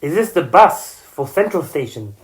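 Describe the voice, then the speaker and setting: A woman saying short example phrases twice, slowly and carefully. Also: low voice, big pitch swings, a little hiss or hum. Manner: says each phrase twice, slow and careful. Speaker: example speaker.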